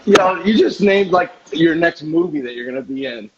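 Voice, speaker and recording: A man's voice: a little high, expressive, normal speed, slight background noise. A man hosting an interview, asking casual questions in an informal, laid-back way. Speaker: interviewer, host. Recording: dull, muffled lo-fi audio.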